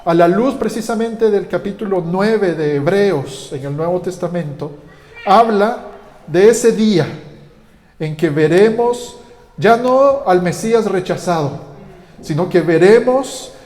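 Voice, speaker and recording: A man's voice: high voice, animated, a little slow, darkish tone. A man from Guatemala, a pastor, giving a conversational sermon with frequent fillers and restarts. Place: church hall. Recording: echoey church hall with long reverb.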